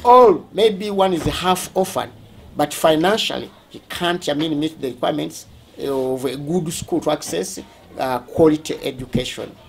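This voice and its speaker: Leading a school tour, a Ugandan-accented representative speaks slowly and haltingly, frequently putting things another way. His voice is a little high and gravelly, and there's a slight hiss or hum in the audio.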